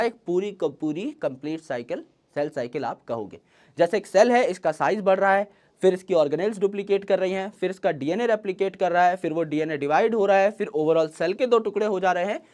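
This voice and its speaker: A male teacher giving an online biology lesson, who mixes English terms into his Hindi explanation, asks questions and answers them himself, and slows down to dictate definitions. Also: sits high. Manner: uses folksy everyday comparisons.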